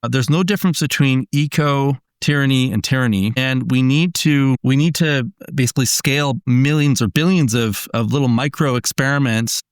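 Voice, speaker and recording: A man's voice: mid-range voice, moderate pace, hardly any pauses, clean tone, no room sound, studio quality. A man as a podcast guest, explaining ideas earnestly in casual conversation, often restarting his sentences.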